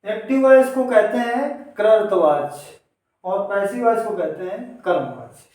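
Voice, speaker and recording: A man's voice: high voice, animated, measured pace, a little mellow, far from the mic. A male teacher giving a grammar lesson to students. He explains step by step, and he often asks a question and then answers it himself. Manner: addresses students directly. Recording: echoey room, voice away from the mic.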